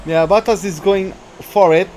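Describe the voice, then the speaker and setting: With a high, steady, slightly mellow voice, a young Portuguese gaming streamer talks unhurriedly while racing. He reads viewer names aloud and responds to the race, and some background noise is audible.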